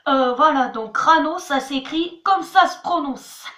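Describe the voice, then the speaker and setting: Speaking a little slowly, this woman's high, bright voice has a forceful edge. She's a channel host teaching words in a chatty homemade lesson, spelling them letter by letter and saying "voilà" and "attention" again and again, all recorded in an echoey room.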